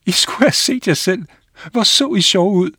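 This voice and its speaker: A man voicing a bored, mischievous young village boy in a storybook reading, shouting and teasing. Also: fairly high pitch, expressive, slightly rough, no echo, studio quality, voice pushed up, full character voice.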